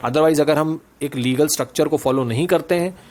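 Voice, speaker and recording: A man's voice: fairly high pitch, darkish tone. Hindi-speaking man teaching a class. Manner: explains in Hindi mixed with English, reads definitions out slowly. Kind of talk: classroom lecture.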